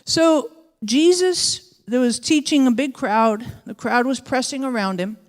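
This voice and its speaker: A woman's voice: high-pitched, a little slow. A woman pastor giving a sermon, telling the story in a casual, conversational way and briefly acting out the voices of its characters. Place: church. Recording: long church hall reverb.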